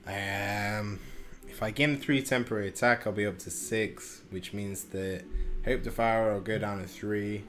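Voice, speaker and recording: A man's voice: lowish voice, fairly even intonation, unhurried, fairly bright tone, soft background music. A young man giving casual commentary over a card game he is playing at home, chatty and self-deprecating, with plenty of ums and restarts. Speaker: gaming channel host. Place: home room. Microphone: desk microphone.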